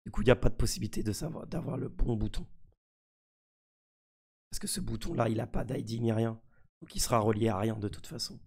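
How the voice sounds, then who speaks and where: A man with a husky, gravelly voice, sick, giving casual live commentary as a mischievous streamer. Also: lowish voice, a little fast, long pauses, a little mellow. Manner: mischievous, trolling his community. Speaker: streamer presenting a crypto NFT project.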